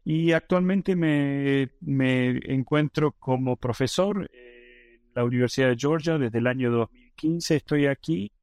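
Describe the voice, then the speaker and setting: A middle-aged man with an Argentine Spanish accent, a virology professor appearing as a guest expert, gives thoughtful interview answers full of hesitations and restarts. His voice is ordinary in pitch and darkish in tone, at a measured pace. The recording is dry and close, with no echo.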